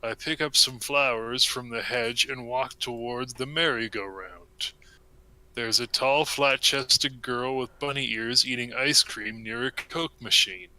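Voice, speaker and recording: A young man reading a comic story aloud to friends in a deadpan way, with a close mic. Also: medium pitch, unhurried, rough recording. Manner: deadpan reading, breaking into laughter.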